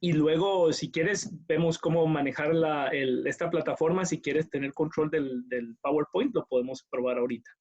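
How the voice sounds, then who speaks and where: Guatemalan guy hosting, a bit high voice, dull lo-fi call audio. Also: a little mellow. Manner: quick, practical instructions. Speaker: host. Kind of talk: casual meeting talk.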